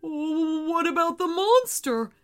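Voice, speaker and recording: A woman's voice: very high voice, animated, takes it slowly, fairly bright tone, soft background music, pitched above the performer's own voice, exaggerated voice. Woman voicing a timid, worried whale. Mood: nervous. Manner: hesitant, worried. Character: timid nervous whale who fears the dark.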